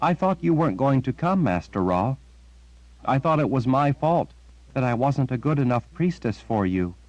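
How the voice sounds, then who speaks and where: A man's voice: medium pitch, big pitch swings, moderate pace, darkish tone, no echo, muffled recording, voice pushed up, lightly acted. A man voicing a frightened, devoted young priestess girl with a quavering voice. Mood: tremulous, devoted.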